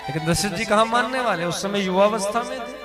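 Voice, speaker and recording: A man's voice: sits high, brisk. A man telling a religious story in a dramatic, emphatic sermon style with sung verses. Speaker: katha storyteller. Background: devotional instrumental music.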